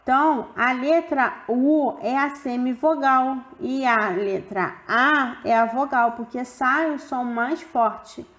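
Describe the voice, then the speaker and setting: A woman teacher giving a grammar lesson, slowly stretching out the example words as she explains. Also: high voice, fairly bright tone, reverberant.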